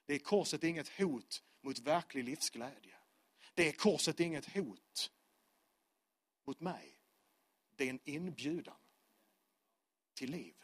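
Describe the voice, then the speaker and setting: A man preaching a sermon to a congregation in church, with rhythmic repeated phrases, swinging from full-voiced intensity to hushed lines. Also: fairly high pitch, animated, pauses often, slightly rough. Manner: impassioned, with sudden drops to a hushed voice. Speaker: pastor. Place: church service before a live congregation.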